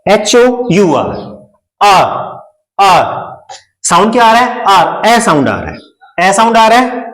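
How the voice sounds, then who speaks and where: A man with an Indian English accent teaches grammar to students at a deliberate, unhurried pace, drilling example words again and again. His voice sits high and swings widely in pitch. The sound bounces around a reverberant room. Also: sing-song, fairly bright tone. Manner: slow, emphatic, repeats words for drilling. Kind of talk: classroom-style grammar lesson.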